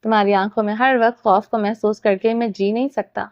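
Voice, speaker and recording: A woman's voice: mid-range voice, steady tone, no echo, lo-fi sound, close to an everyday voice. A woman voicing a devoted, protective husband in her own earnest reading voice. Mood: tender, resolute.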